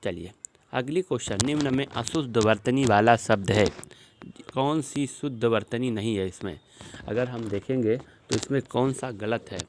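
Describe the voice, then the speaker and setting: Over slight background noise, a fairly low-voiced man goes through on-screen spelling questions for exam prep. He explains each word, repeating it slowly.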